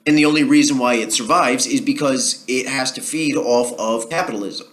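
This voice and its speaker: A man with a New Jersey accent talks straight to his audience in a casual solo commentary. He argues his case in a rambling, conversational way, circling back with ums and restarts. His voice sits at an ordinary middle pitch. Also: normal speed, fairly bright tone. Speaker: political commentary vlogger.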